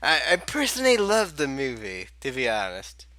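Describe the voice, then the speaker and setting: A man's voice: medium pitch, wildly swooping pitch, brisk, a crowd in the background. A man running a live-streamed tabletop game, chatting casually and laughing often. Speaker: dungeon master and streamer.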